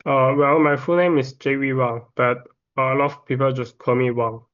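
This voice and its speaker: A man's voice: medium pitch, fairly even intonation, moderate pace, fairly bright tone, highs cut off. Hesitant young Chinese man at exam. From China. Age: 20s. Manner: hesitant, many "uh" fillers and repeats. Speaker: test candidate. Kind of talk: mock exam answers.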